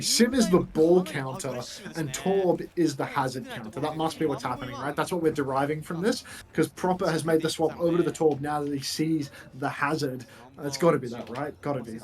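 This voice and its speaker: A man giving live esports play-by-play as a caster, full of slang and chatty asides. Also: on the high side.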